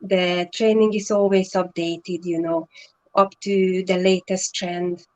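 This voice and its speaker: A Hungarian woman whose first language is Hungarian joins a casual live-stream chat as a guest and online business partner. She's earnest and halting, with many fillers and restarts, in a fairly low, level voice.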